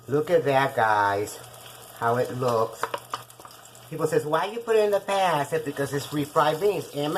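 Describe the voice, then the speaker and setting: A Puerto Rican-accented woman, whose first language is Spanish, hosts a laid-back cooking show in her own kitchen, chatting as she goes and frequently addressing viewers as "guys." Her voice is low-pitched, and the rough recording has a little hiss or hum.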